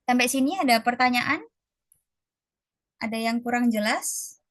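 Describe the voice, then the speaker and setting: A woman tutoring an online class, chatting casually and stretching out model phrases slowly. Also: a little high, a bit bright, dry recording, clean studio sound. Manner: slow, drawn-out model pronunciations; casual, chatty teaching, calls students guys. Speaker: Mandarin tutor. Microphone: video call.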